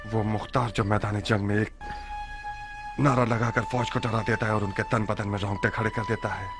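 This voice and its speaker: An actor playing a proud warrior in a dubbed historical drama, who speaks with grave bitterness and breaks into shouted threats. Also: male voice, lowish voice, lightly acted. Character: fierce warrior man, proud and quick to rage. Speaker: Mukhtar.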